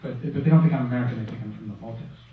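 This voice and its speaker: A man from Russia answering on a literary panel in a bookstore, speaking thoughtfully with halting restarts. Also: medium pitch, narrow, tinny audio, a little hiss or hum. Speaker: panelist, writer. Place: bookstore event room. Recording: echoey room from far off.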